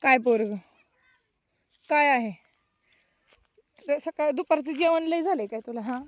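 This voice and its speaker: A woman's voice: high-pitched, a little slow. A young woman with a Marathi accent, vlogging outdoors on a mango farm, teasing playfully and mixing Hindi and English. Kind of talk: casual vlog chat.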